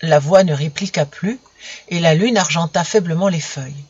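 A narrator reading a story aloud in an even, measured way. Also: medium pitch, slightly rough, no echo, lo-fi sound.

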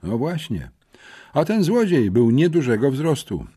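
A man voicing a confident teenage boy detective who calmly reasons things out in a storybook. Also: mid-range voice, unhurried, breathy edge, pitched above the performer's own voice, exaggerated voice. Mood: reasoning. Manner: calm, deductive, reassuring.

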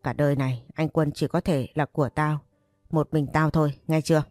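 A woman voicing a jealous, cruel young wife who threatens and taunts in a low, warm voice. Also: steady tone, brisk, no room sound, soft background music, lightly acted. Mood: furious. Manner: taunting, menacing.

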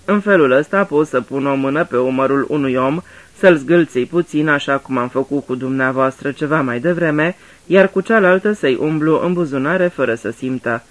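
A man's voice: mid-range voice, lightly acted. A man voicing Poirot, a fussy, courteous older detective, in a radio drama reading, talking patiently like a teacher. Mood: patient explaining. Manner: polite, patient, explaining like a teacher.

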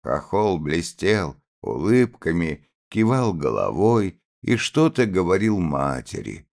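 A man narrating an audiobook of a classic novel in a measured, expressive reading. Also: low voice, gravelly.

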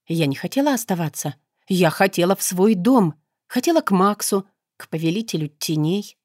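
A woman's voice: on the low side, animated, moderate pace, darkish tone, no echo. A woman reading a first-person audiobook in a wry, conversational manner, close to the mic. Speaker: audiobook narrator.

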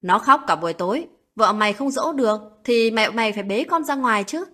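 Woman playing a nasty mother-in-law barking insults, breathy loud voice, audio story. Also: on the high side, expressive, fairly quick. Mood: spiteful. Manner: shouting, cold and abusive. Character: harsh, scornful older mother-in-law.

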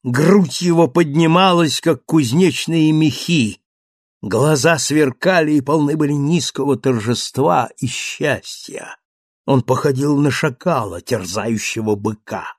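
A man narrating an audiobook with a gravelly, rough-edged voice and a lively, widely ranging pitch. He tells the story in a measured, dramatic way. The recording is dry and close. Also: no room sound.

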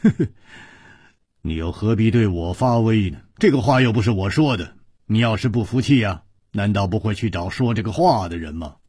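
A man's voice: lowish voice, expressive, normal speed, a little mellow, no echo, clean studio sound. A man voicing a hot-tempered, hard-drinking swordsman who mocks and grumbles. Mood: mocking. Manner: mocking, gruff, laughing.

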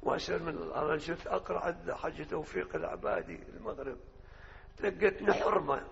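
A man's voice: on the high side, fast, vocal fry, fairly bright tone. A man with an Iraqi accent giving an impassioned mourning sermon, moving between speech and chanted lament. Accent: Iraqi Arabic. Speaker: religious orator. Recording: dull lo-fi audio with long hall reverb.

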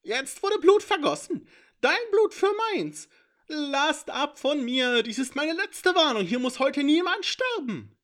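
A shrill, manic villain. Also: male voice, sing-song, unhurried, fairly bright tone, full character voice. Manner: shrill, cackling, taunting.

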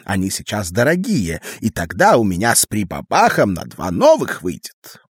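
A man's voice: fairly low pitch, wildly swooping pitch, normal speed, husky, no room sound, clean studio sound, exaggerated voice. A man reading an audiobook, voicing a scheming man with a thin tenor who rambles on about his deals. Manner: rambling, absorbed, talks over his listener.

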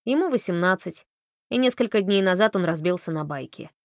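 A woman voicing a calm, gentle woman who speaks softly and firmly. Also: on the low side, dry recording, studio quality. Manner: soft, gentle, measured.

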